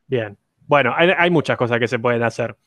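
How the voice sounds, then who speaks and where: A man's voice: medium pitch, a little fast, a bit bright, no echo. A man teaching an online university class, explaining step by step and putting questions to his students. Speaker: university lecturer.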